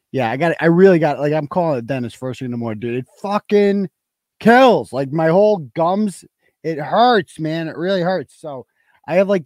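A man's voice: mid-range voice, a little mellow, dry recording. A man hosting a casual livestream, talking in a blunt, slangy, rambling way with some swearing. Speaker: livestream host and blogger.

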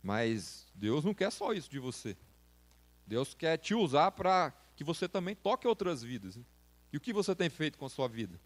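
A Brazilian man in his thirties preaches to young people, informal and full of slang. His voice sits high for a man, and he talks straight at his listeners. He sounds like a reserved man pushing himself to exhort. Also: big pitch swings, normal speed. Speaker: youth preacher. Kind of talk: sermon.

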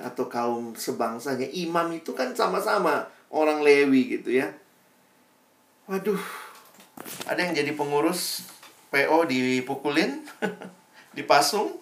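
A man's voice: fairly high pitch, a bit bright. A young man giving a casual devotional talk to a campus fellowship, chatty and informal, with slangy asides and tag questions. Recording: echoey room.

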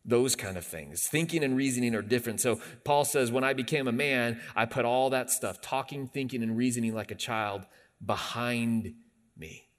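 A man in his forties preaching to his congregation in an easy, talky way, then pushing hard on key lines. His voice sits at an ordinary middle pitch for a man, neither high nor low. He lands his points with sudden emphatic lifts. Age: 40s. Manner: conversational preaching, rising to emphatic bursts. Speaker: pastor. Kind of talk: sermon.

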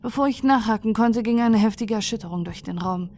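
A woman narrating a sci-fi horror audiobook in a calm, soft, measured way for falling asleep. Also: a little high, a little hiss or hum.

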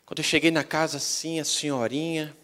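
A Brazilian-accented pastor preaches through a personal story, his voice sitting somewhat high for a man. He is animated and slips into the voices of the people he quotes. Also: fairly quick. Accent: Brazilian Portuguese. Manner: animated, acts out dialogue. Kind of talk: storytelling sermon.

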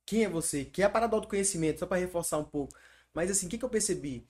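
A man's voice: sits high, lively intonation, very fast, darkish tone. A man co-hosting a casual podcast, talking in slangy, emphatic bursts. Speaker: podcast co-host.

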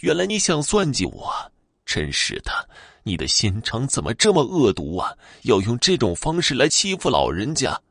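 A man voicing a menacing old woman ghost with fangs, speaking in drawn-out, sinister tones. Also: mid-range voice, wildly swooping pitch, vocal fry, a bit bright, no echo, studio quality, voice pushed up, exaggerated voice. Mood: accusing.

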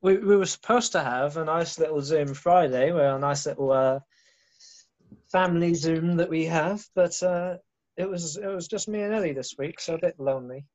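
A man's voice: a little high, normal speed, darkish tone, lo-fi sound. A man co-hosting a podcast, chatting casually with dry, teasing remarks. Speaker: podcast co-host.

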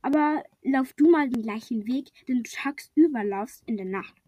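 A woman reading a children's storybook aloud in a gentle, playful storytelling manner. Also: high-pitched, moderate pace, no echo.

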